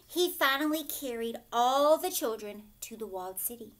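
A woman in her thirties reading a children's picture book aloud expressively, pausing to explain and ask questions like a teacher. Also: fairly high pitch, expressive, a little hiss or hum. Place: furnished living room, indoors.

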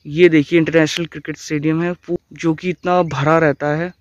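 A young cycling vlogger from India talks to camera while riding past an empty stadium, earnestly giving viewers friendly advice. His voice is a little high, with little pitch movement, at a normal speed. The handlebar camera mic yields dull audio full of loud outdoor noise.

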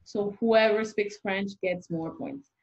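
Speaking slowly in a mid-range voice with fairly even intonation, a young adult woman who works as an immigration consultant explains the rules step by step with worked examples. The interview takes place over a video call from a small room, recorded through a webcam with dull lo-fi audio.

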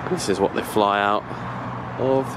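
Unhurried and lowish in pitch, this allotment vlogger rambles chattily through a walking tour of his plot, often correcting himself. He films from his own point of view on a handheld camera outdoors, and the audio carries steady background noise.

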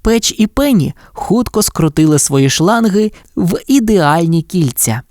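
A low-voiced woman reading a children's fairy tale, expressive and gentle. Her pitch rises and falls freely through the story. The sound is close and dry. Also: unhurried, dry recording. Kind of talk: children's audiobook narration.

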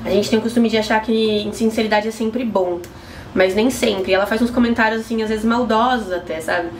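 A woman's voice: fairly high pitch, fairly even intonation, normal speed. Brazilian girl vlogging on her balcony, chatty, kinda echoey with faint hiss behind. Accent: Brazilian Portuguese. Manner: chatty, trimming pepper plants while talking. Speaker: book vlogger. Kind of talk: casual chat to camera. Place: glassed-in apartment balcony with plants. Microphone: camera at close range. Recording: roomy echo, faint background noise.

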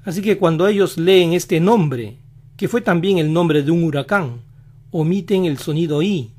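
Male language teacher, slightly high voice, very slow and careful delivery, repeats example words. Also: darkish tone. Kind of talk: slow instructional explanation.

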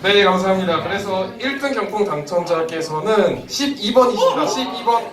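High-voiced male prize announcer in an echoey venue. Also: expressive, moderate pace. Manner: playful, joking, laughs while announcing. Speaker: host of a prize draw at a band concert. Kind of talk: live prize announcer, polite formal stage hosting. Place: indoor live music venue. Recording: echoey live venue, distant mic, loud crowd. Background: loud audience crowd.

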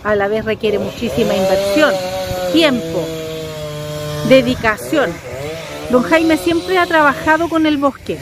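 A woman vlogging outdoors in a forest, chatting excitedly and addressing her viewers directly. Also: fairly high pitch. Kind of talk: outdoor vlog to camera. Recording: noisy outdoor camera audio.

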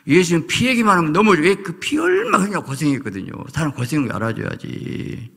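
A middle-aged male pastor preaching a sermon, swinging from loud calls to hushed near-whispers. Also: on the high side, very animated, a little fast, vocal fry, husky. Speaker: senior pastor. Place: church sanctuary. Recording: long church hall reverb.

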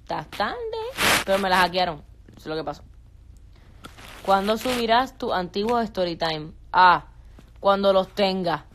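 A woman's voice: mid-range voice, unhurried, pauses often, noisy background. A young woman, chatting on a phone live stream, reading viewer questions aloud and answering casually. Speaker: social media creator.

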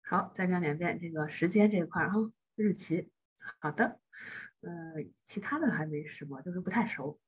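A woman's voice: on the low side, moderate pace, husky, highs cut off. A woman teaching English in an online class, patiently correcting pronunciation over a video call.

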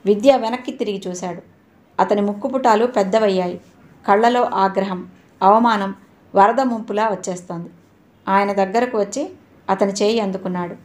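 Woman, audio novel narrator, even storytelling, mid pitch. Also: normal speed, long pauses. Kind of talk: novel reading.

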